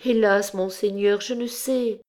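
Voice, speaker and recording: A woman's voice: steady tone, a little slow, darkish tone, natural voice. A woman voicing a terrified pleading young girl. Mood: desperate pleading. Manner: pitched high, crying out and begging.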